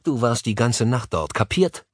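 A man's voice: mid-range voice, big pitch swings, normal speed, no room sound, studio quality. A male narrator voicing a nervous, cynical male business partner talking on the phone in an audiobook. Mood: tense, cynical.

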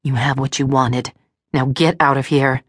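A woman's voice: sits low, very animated, a little fast, no room sound, clean studio sound. A woman voicing a determined woman doctor who speaks in a commanding way. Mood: firm. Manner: forceful, commanding.

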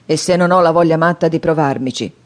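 A woman reading an audiobook, voicing a menacing, hungry male convict who makes loud threats. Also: deep voice, close to an everyday voice. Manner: loud, threatening, drawn-out demands.

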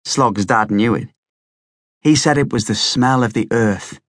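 A man reads an audiobook in a plain, steady manner. His mid-pitched voice is close on the microphone, and the recording is completely dry. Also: unhurried, no room sound. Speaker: audiobook narrator. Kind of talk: scripted audiobook narration.

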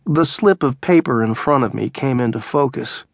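A man audiobook narrator telling a story in the first person, in a wry, low-key way. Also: expressive, normal speed, vocal fry, no echo, studio quality.

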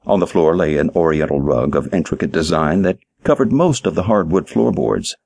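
A man narrating a short story in an audiobook, reading in a measured storytelling manner. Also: very deep voice, lively intonation, vocal fry, darkish tone, breathy edge, dry recording, clean studio sound. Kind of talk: scripted narration.

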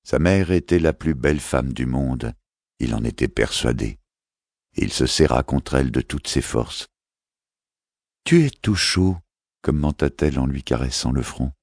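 A man reading a novel aloud as an audiobook narrator, in measured, even storytelling on a close studio mic. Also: extremely low pitch, creaky, no echo. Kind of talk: scripted narration.

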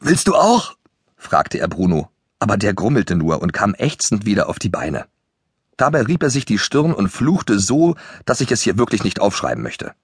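Male children's audiobook narrator, lively and animated, dry close mic. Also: fairly low pitch, moderate pace, husky, dry recording. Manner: lively storytelling, voicing the characters.

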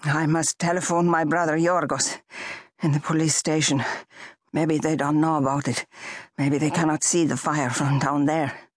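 A woman reading an older village man's lines in a slow, grave and measured way. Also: low-pitched, flat delivery, no echo, clean studio sound. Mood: alarmed.

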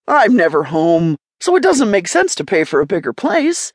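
A woman voicing an excited, upbeat young man who loves to party, in an audiobook. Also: on the low side, moderate pace, husky, no echo, clean studio sound. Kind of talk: audiobook character voice.

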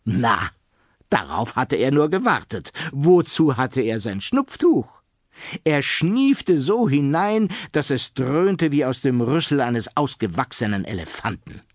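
A man reading a children's storybook aloud in a playful, lively way. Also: mid-range voice, measured pace, dry recording, studio quality. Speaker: audiobook narrator.

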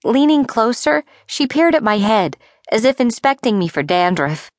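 A woman's voice: fairly high pitch, big pitch swings, normal speed, dry recording, studio quality. Wry, breezy woman audiobook narrator. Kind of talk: first-person audiobook narration of a teen novel.

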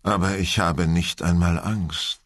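A man's voice: low voice, fairly even intonation, unhurried, fairly bright tone, dry recording, studio quality. A man voicing a joking young man who teases with mock-spooky voices in an audiobook. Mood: dazed. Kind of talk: audiobook dialogue.

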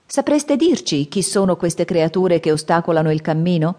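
A woman's voice: fairly low pitch, expressive, normal speed, dark tone, close to an everyday voice. A woman voicing a cheeky, shape-shifting male monkey king who talks in a cocky, teasing way. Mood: polite.

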